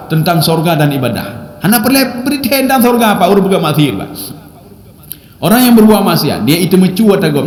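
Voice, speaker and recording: A man preaching a sermon to a congregation, lecturing in a lively way, reciting Arabic verses and often addressing listeners as "Pak". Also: high-pitched, echoey room, big-room sound. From Indonesia. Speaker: Islamic preacher.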